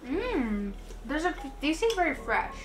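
Higher-pitched young woman eating sour candy. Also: sing-song, a little slow. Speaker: vlog co-host taste-testing candy. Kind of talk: casual chat. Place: small bedroom, indoors.

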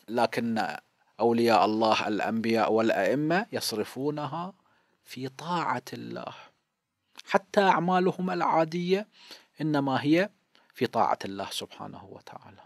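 Speaking in a sing-song, creaky, darkish mid-range voice at a moderate pace, an Iraqi cleric in his fifties pauses often as he teaches a seminary lesson in Iraqi-accented Arabic. He explains each point and answers his own questions; the close, dry recording has no room sound.

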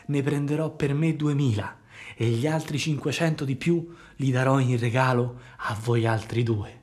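A man voicing Pinocchio, a naive, excitable wooden puppet boy, in an eager, wide-eyed way. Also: medium pitch, moderate pace, close to an everyday voice. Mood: amazed.

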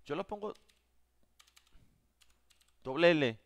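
A man's voice: a little high, lively intonation, slow, no echo. A Korean man, a native Korean speaker, teaching a live online language class, explaining patiently and repeating each word several times.

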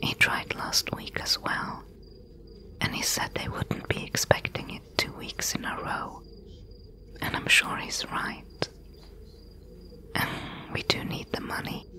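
A woman voicing a wry, bossy thief mentor in a breathy, hushed whispered role-play, giving instructions. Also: takes it slowly, pauses often. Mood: hushed, businesslike.

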